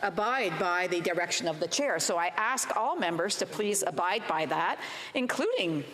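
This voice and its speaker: A woman chairing a parliamentary debate, giving procedural rulings in an official, halting, admonishing way. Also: fairly low pitch, lively intonation, fairly bright tone. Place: large parliamentary chamber. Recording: reverberant chamber.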